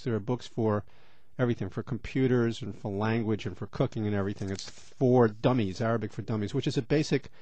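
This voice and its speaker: A man's voice: medium pitch, darkish tone, no echo. A middle-aged man hosting a radio interview, chatty and rambling with many fillers. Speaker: radio host.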